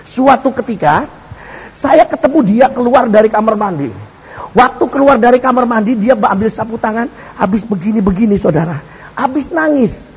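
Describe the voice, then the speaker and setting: A man's voice: very high-pitched, lively intonation, moderate pace, breathy edge, poor audio. An older man preaching, telling a joking family story and often addressing the congregation directly. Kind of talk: humorous storytelling sermon.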